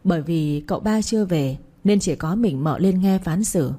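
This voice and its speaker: Husky dark-voiced woman narrating. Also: fairly low pitch, normal speed. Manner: reads all roles in one steady voice. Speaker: audiobook narrator. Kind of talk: storybook narration of a period romance.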